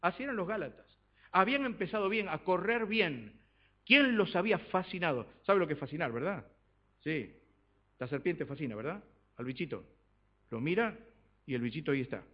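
A man preaches, his fairly high voice rising to loud exhortation and dropping to soft asides. He keeps asking the congregation rhetorical questions. The church recording sounds dull and lo-fi. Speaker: pastor. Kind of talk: sermon.

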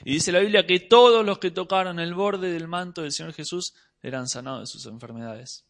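A man preaching a sermon, retelling the story expressively and letting his voice sink low at the ends of phrases. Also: a little fast, fairly bright tone.

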